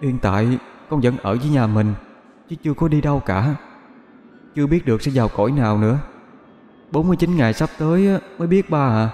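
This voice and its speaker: A man voicing the homesick ghost of a dead young son, pleading softly. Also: medium pitch, lively intonation, brisk, echoey room, in a large hall, a little hiss or hum, voice pushed up, close to an everyday voice.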